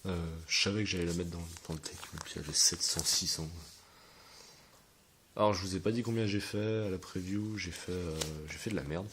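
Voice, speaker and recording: Male, deep low voice, casual hesitant video chat to viewers, light hiss. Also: steady tone, brisk. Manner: hesitant and rambling, many fillers. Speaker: card collector showing his binder.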